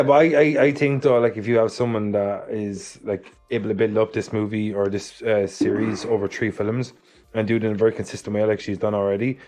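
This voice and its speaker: A man's voice: on the low side, a little mellow. A man from Ireland with an Irish accent, co-hosting a film podcast and thinking aloud with many fillers. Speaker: podcast co-host. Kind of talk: casual film review chat.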